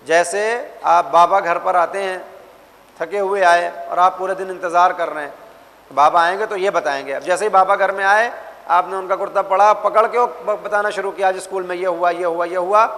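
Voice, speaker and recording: A man's voice: high-pitched, fairly even intonation, a bit bright, long reverb tail. A man teaching a religious class to young people, telling stories and acting out the voices in them. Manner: storytelling, acts out voices in anecdotes.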